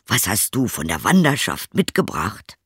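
A man voicing a doubtful old male tailor, the hero's father, speaking gruffly and in disbelief. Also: fairly low pitch, huge pitch swings, moderate pace, fairly bright tone, no echo, clean studio sound, exaggerated voice.

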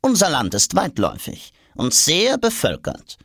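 Man putting on a know-it-all briefcase, lecturing, slow, a bit husky, storybook. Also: on the high side, wildly swooping pitch, fairly bright tone, no room sound, clean studio sound, voice pushed up, exaggerated voice. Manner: lecturing, nosy. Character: light brown diplomat's briefcase, know-it-all, curious. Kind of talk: audiobook character voice.

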